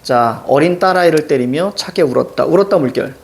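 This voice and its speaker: A man's voice: on the high side, a little fast, vocal fry. A male teacher giving a classroom lecture, often checking in with his students with short questions. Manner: lively, questioning, tags checks like "그치?". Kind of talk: classroom lecture on Korean poetry. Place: classroom with a blackboard.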